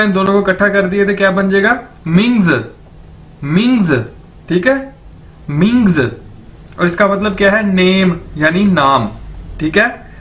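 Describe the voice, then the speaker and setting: A man teaching a recorded lecture, saying each word slowly and over and over for learners. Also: sits high, a bit bright. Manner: repeats words slowly for learners. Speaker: language teacher.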